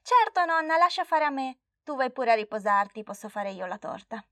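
A woman's voice: animated, moderate pace, fairly bright tone, dry recording, clean studio sound. A woman voicing a proud, perfectionist nine-year-old girl who boasts eagerly and turns tearful in a storybook reading. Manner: boastful, high and eager, tearful when she fails.

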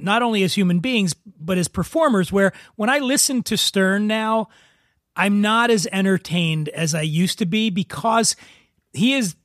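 A man with a raspy voice, hosting a casual interview as a podcast host. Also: high-pitched, a bit bright, dry recording, studio quality.

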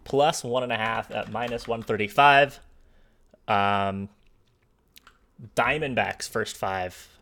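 A man's voice: lowish voice, creaky, a bit bright. A young man hosting a casual sports betting show, easygoing, running through lines for a poll. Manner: easygoing, halting with restarts.

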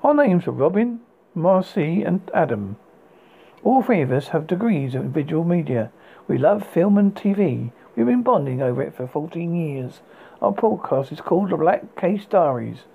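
Halting amateur book reader, husky voice, tinny phone-like recording. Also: mid-range voice, very animated. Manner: halting, with frequent slips and restarts. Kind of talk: amateur reading of book extracts.

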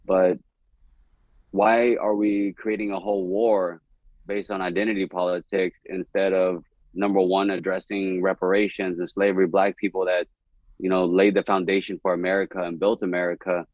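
A young man from East Dallas, Texas, with a deep voice, appears as a comedian guest on a podcast, talking candidly, rambling, and laughing often. The podcast audio is dull and dry, with no room sound.

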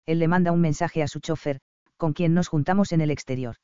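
A man calmly narrating an audiobook of a romance novel. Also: fairly high pitch, a little fast, clear, resonant tone, dry recording. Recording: dull, dry audiobook recording.

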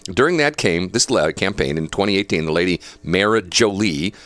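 A man's voice: deep voice, expressive, normal speed, a bit bright. A man hosting a talk show, reading news quotes aloud with chatty, opinionated asides and laughter between points. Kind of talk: casual talk radio commentary.

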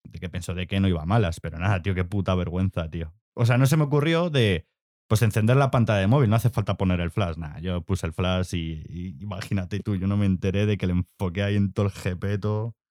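A man's voice: low-pitched, fairly even intonation, fast talker, a little mellow, no room sound, clean studio sound. A young man co-hosting a podcast, telling a rambling story full of fillers and swearing in casual chat. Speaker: podcast co-host.

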